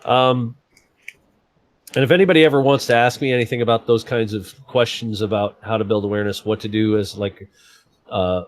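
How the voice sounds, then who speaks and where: A man's voice: on the low side, no room sound. Laid-back man chatting on a stream. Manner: joking, laughs often, rambling tech talk. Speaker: livestream host. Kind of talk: casual stream chat.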